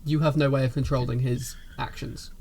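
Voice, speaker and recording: A man's voice: medium pitch, fairly even intonation, fairly quick, gravelly, noisy background. A man running a tabletop game as game master, describing scenes in a rambling way with many fillers.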